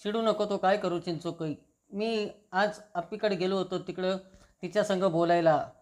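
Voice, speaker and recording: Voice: medium pitch, steady tone, moderate pace, close to an everyday voice. The narrator reading the lines of an irritated father who works as a government officer, speaking curtly and bitterly. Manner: curt, bitter complaining.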